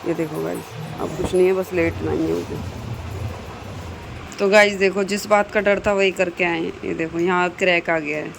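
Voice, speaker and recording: A woman's voice: on the low side, steady tone, moderate pace, creaky. A woman vlogging casually at home, chatting with her viewers and calling them guys as she cooks. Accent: Hindi. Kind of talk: casual home vlog chat. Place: home kitchen. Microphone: phone camera. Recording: noisy home phone recording.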